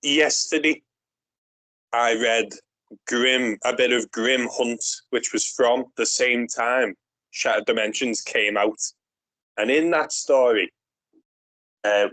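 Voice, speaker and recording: A man's voice: mid-range voice, a bit bright, no echo, rough recording. A man co-hosting a podcast in a laid-back, casual chat, swearing freely, his voice run through a robot filter. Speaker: podcast co-host.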